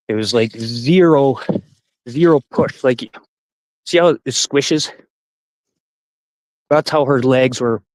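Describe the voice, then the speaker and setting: Canadian man in his 40s, live-stream hiking vlogger, rambling profane chatter, dry close sound, mid pitch. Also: no room sound, rough recording. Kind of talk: casual live-stream chat while hiking. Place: outdoors on a forest trail.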